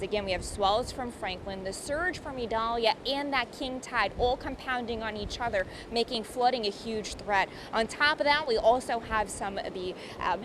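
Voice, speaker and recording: A woman's voice: mid-range voice, background noise. A woman meteorologist reporting live on TV, explaining the weather in a conversational way.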